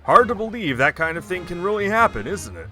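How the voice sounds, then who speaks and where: A smug, mocking ex-husband from a video game , played by a man, delivered like a sportscast announcer in deliberately terrible, hammy acting. Loud music plays behind the voice. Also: high voice, big pitch swings, voice pushed up, heavily acted. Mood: smug mockery. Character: smug, mocking male ex-husband, bottom feeder. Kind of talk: video game character voice-over.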